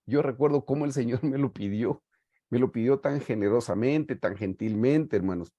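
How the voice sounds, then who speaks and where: A middle-aged man from Guatemala preaches to a small online Bible study group. His voice sits mid-range, with a mellow, darker tone. The video call sound is dry and close. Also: mid-range voice, moderate pace, no echo, dull audio. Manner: earnest, warm pastoral storytelling, often saying "hermanos". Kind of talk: sermon-style Bible teaching. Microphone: video call mic.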